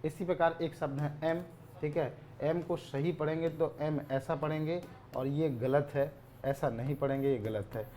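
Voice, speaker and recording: A male teacher giving a grammar lesson, asking questions and answering them himself, repeating key words, often clearing his throat. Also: a little high, steady tone, normal speed, warm tone, slight background noise.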